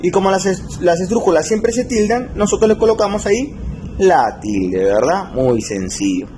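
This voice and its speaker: A man teaching a recorded spelling lesson, slowing down to stress key rules and checking in with his students. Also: high-pitched, expressive, darkish tone, a little hiss or hum. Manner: slow, stretched emphasis on key rules, frequent check-ins. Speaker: language teacher.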